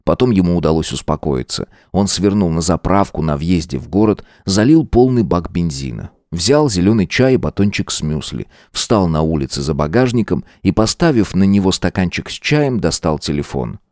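A man narrating an audiobook in a steady, measured way. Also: sits low, dry recording, clean studio sound. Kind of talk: scripted narration.

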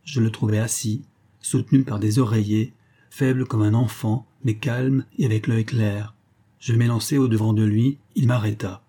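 A man reading a literary story aloud as an audiobook narrator, in a measured, even storytelling manner. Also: fairly low pitch, slightly rough.

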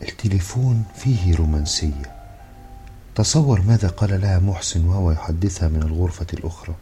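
A man's voice: sits low, brisk, warm tone, faint music behind, lightly acted. A man reading as an eager, nagging wife. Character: nagging romantic-minded wife.

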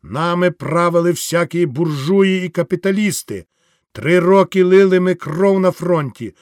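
A man's voice: high-pitched, unhurried, no echo, pitched above the performer's own voice. A man voicing a wounded soldier who calls out fiery slogans to a village crowd in a raised, declaiming voice. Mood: fiery, rousing. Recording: dry close studio sound.

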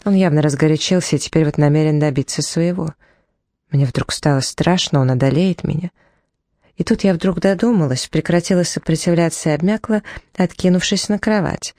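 In a brisk, low-pitched voice with a dark tone, a woman reads a first-person novel for an audiobook, dramatically acting out the lines of dialogue. The recording is studio quality, without echo.

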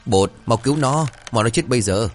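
Gruff old exorcist master, as a man puts him on. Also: sits low, brisk, faint music behind, lightly acted. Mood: commanding. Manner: barks orders and curses. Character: gruff old male exorcist master, bossy and short-tempered.

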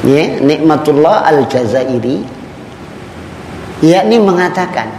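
Slow high-voiced preacher in echoey hall. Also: male voice, expressive, a little mellow. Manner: slow, emphatic, questions the audience. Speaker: Islamic preacher. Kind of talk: religious lecture. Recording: echoey hall recording, faint noise.

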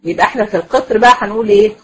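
A woman's voice: mid-range voice, very fast, breathy edge, low-quality recording. A woman with an Egyptian accent teaching Quran recitation, explaining patiently, repeating her points and asking the class checking questions. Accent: Egyptian Arabic. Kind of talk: classroom lecture.

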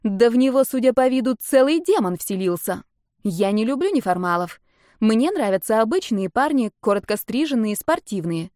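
A woman's voice: on the high side, expressive, normal speed, a little mellow, no room sound, studio quality, close to an everyday voice. A woman voicing a choosy, scornful young woman. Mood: indignant. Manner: fussy, scornful.

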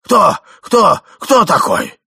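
A doting, fussy old husband grows loud and flustered, as a man acts him out. His voice is gravelly and sharp, with wide swings in pitch, like a storybook reading. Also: slow pace, dry recording, clean studio sound, heavily acted. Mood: alarmed shouting. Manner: excited shouting.

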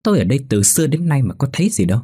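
A man voicing a brash farmer in his fifties, booming and blunt, who scoffs at ghost stories. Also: very animated, very fast, warm tone, husky, dry recording, clean studio sound. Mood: angry.

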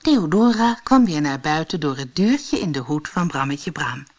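A Dutch woman reading a children's fairy tale aloud with expressive storytelling. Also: low-pitched, moderate pace. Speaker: audiobook reader. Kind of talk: scripted children's story narration.

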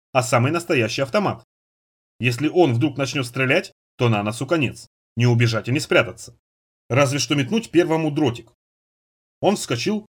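A man narrating an audiobook in an expressive storytelling manner. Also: mid-range voice, husky. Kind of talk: scripted narration.

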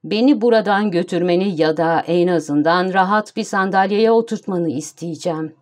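A frail, very old man whines and complains in a cracked, worn voice, as a woman reads him in an audiobook. The voice sounds tired and creaky, with a plaintive edge. The tone stays querulous throughout. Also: fairly low pitch, normal speed, a little mellow, natural voice. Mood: whining. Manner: whining, complaining. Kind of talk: audiobook character voice.

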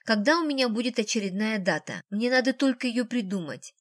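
A woman's voice: a little high, lively intonation, fairly quick, dry recording, studio quality. A woman voicing a playful, elusive young woman who teases her date, in an audiobook. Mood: teasing.

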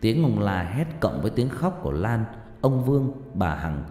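Dark-voiced man narrating horror. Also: on the low side, very animated, moderate pace. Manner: dramatic, suspenseful reading. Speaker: audiobook storyteller. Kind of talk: scripted horror story narration. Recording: reverb-heavy narration with faint music.

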